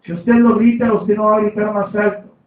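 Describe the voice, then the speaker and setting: A high-voiced man preaches a sermon at a moderate pace and level tone, circling back to the same points and prompting the room for amens. He sounds distant and roomy, as though heard over a narrow, phone-like line from the back of a church hall.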